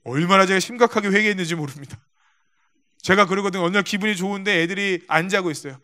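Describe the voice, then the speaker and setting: In a church sanctuary, a male pastor with a high, pushed and bright voice preaches fast, telling stories and acting out the quotes within them. He speaks straight to the congregation.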